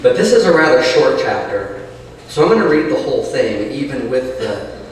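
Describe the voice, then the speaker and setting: A man's voice: medium pitch, big pitch swings, normal speed, recorded from a distance, a little hiss or hum. A man chatting and then reading his own novel aloud, sounding like he is in a cave through a cheap mic. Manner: chatty, rambling asides. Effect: cave-like echo.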